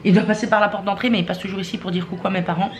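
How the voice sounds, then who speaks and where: A woman's voice: medium pitch, fairly even intonation, very fast, slight background noise. A young woman, chatting casually to camera at home in a vlog, with lots of fillers and self-mocking laughs. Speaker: vlogger. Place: at home, indoors. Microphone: camera mic, handheld and held by partner.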